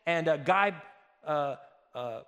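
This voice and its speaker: Male pastor, sermon, high voice, earnest, loud then hushed, long hall reverb. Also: expressive, slow pace, creaky. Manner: earnest, swings from loud emphasis to soft, hushed lines. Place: church.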